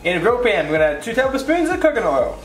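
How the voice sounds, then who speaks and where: Speaking very fast with big pitch swings in a high voice, a young co-host walks through a recipe step by step in a home cooking video, joking around as he goes. Background music plays in the echoey home kitchen.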